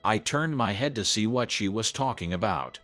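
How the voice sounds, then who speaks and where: A man's voice: lowish voice, animated, moderate pace, no room sound. A man narrating a first-person story in an earnest, scripted way. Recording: soft background music.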